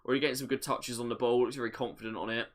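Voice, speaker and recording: A man hosting a football watch-along, giving live match commentary and chat, excitable enough to yell at goals on screen. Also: mid-range voice, racing.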